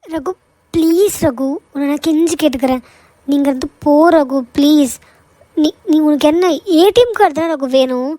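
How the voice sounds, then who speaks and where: A woman's voice: high voice, moderate pace, dark tone, no room sound, lightly acted, rough recording. A woman voicing a meek young office worker in a cartoon, pleading and apologetic. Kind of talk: cartoon voice acting.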